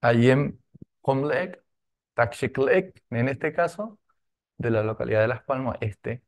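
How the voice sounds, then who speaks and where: A man teaching a language class, going slowly and checking often that his students follow. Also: mid-range voice, animated. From Argentina. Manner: slow, repetitive, with frequent tag questions.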